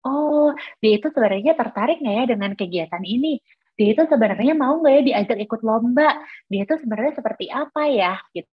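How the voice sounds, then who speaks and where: A woman's voice: fairly high pitch, slightly rough, dry recording, lo-fi sound. A woman giving an explanatory workshop lecture to teachers, often saying filler words between points. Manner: explanatory, many fillers like "nah" and "gitu ya". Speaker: teacher trainer.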